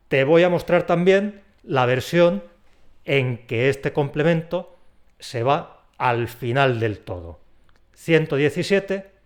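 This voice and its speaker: A man teaching punctuation, in a clear, deliberate explanatory voice that acts out the intonation of his example sentences. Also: a little high. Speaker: Spanish grammar teacher. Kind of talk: recorded video lesson.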